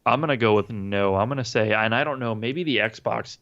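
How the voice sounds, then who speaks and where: A man's voice: on the low side, brisk, fairly bright tone, highs cut off. A man co-hosting a casual gaming podcast, rambling and swearing, with lots of fillers and restarts. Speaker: podcast co-host.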